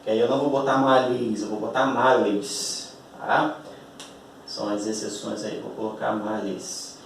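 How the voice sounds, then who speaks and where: In a roomy, distant, echoey classroom recording, a man teaches a grammar lesson at a board, chatting, checking in with his students, and stretching out key words. His voice is on the low side with vocal fry, fairly even intonation, and a moderate pace, over slight background noise.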